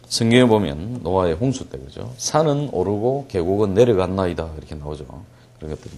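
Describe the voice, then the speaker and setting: A man teaching English reading in a classroom lecture. He reads English lines slowly and deliberately, explains them quickly, and asks questions that he answers himself. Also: on the low side, darkish tone.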